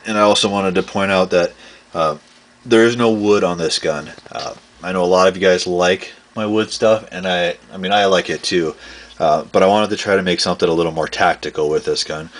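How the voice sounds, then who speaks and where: A congested, sniffly man casually walking through his homemade gear build, with many pauses and "uh" fillers. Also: deep voice, a bit bright. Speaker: airsoft modding vlogger. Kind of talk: casual show-and-tell walkthrough.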